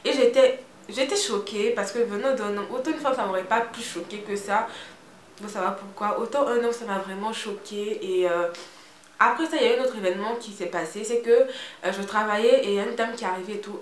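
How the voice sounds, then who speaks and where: A woman's voice: mid-range voice, fairly quick. A young woman from Côte d'Ivoire speaking with an Ivorian French accent, chatting frankly and animatedly to viewers in a beauty vlog. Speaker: beauty vlogger. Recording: roomy echo with faint hiss.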